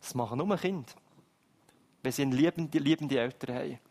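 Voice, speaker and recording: A man with a Swiss German accent preaching a sermon in a lively, emphatic, conversational way. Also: medium pitch, moderate pace.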